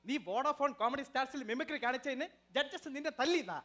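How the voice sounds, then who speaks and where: A man hosting a live comedy show, talking to the audience in a lively, bossy manner and lecturing his sidekick. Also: very high-pitched, moderate pace. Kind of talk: live stage comedy and mimicry.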